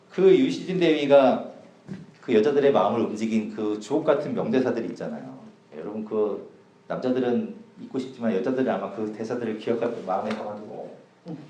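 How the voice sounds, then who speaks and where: Youth pastor, a man, casual sermon: lively swings in pitch, mellow tone, echoey hall. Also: slight background noise. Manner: chatty, jokes with the audience, swings loud and soft. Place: church hall. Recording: echoey church hall, from a distance.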